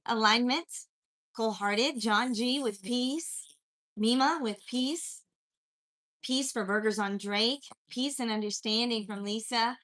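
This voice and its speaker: A spiritual life coach hosts a livestream, greeting viewers and preaching earnestly and encouragingly. Her mixed accent comes from growing up in many places. She speaks slowly, with a voice on the high side and a fairly bright tone.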